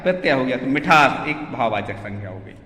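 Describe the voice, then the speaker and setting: A man's voice: medium pitch, expressive, fairly quick, sharp tone. A man teaching a Hindi grammar lesson, listing example words one by one and asking questions that he answers himself. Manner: asks the class questions and answers them himself; often checks in with "theek hai na". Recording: echoey room with long reverb.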